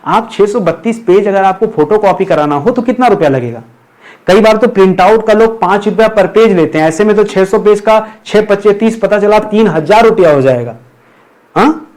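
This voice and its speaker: A man's voice: sits high, moderate pace, a little mellow. A man teaching an exam-prep video lesson, repeating each word, asking himself questions and checking in with viewers. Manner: repeats words and asks himself rhetorical questions; keeps addressing viewers as friends. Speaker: Hindi grammar teacher.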